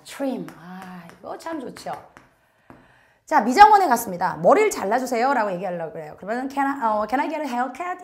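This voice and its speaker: Woman teacher doing a test-prep listening class, kinda high voice, bounces around a lot, talks right at the students. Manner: chatty, addresses students directly, frequent "자" fillers. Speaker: TOEIC listening instructor. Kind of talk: recorded lecture.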